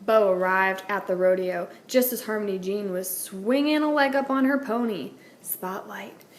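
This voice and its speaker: Sitting indoors at a wooden table with the book on camera, a teacher reads a children's story aloud. She has a mid-range voice and normal pace, captured with roomy echo and audible background noise.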